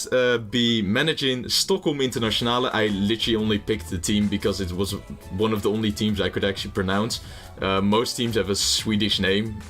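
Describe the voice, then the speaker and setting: A Dutch-speaking gaming YouTuber with a fairly low, slightly bright voice rambles through casual game commentary. He jokes around and swears casually, with the nervous energy of someone making his first video.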